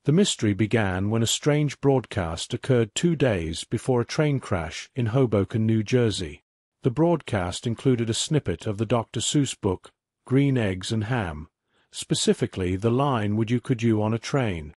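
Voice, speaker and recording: A man's voice: lowish voice, lively intonation, moderate pace, darkish tone, no room sound. Man narrating a mystery video, dry close mic. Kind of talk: scripted narration.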